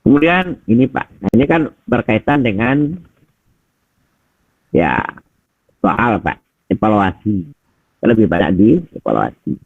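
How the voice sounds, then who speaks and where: Middle-aged man, teacher trainer, conversational feedback, husky voice, dry, phone-like video call audio. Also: lowish voice, big pitch swings, a little slow, long pauses, no room sound. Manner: conversational, addresses listeners as Pak and Bapak Ibu, rhetorical questions.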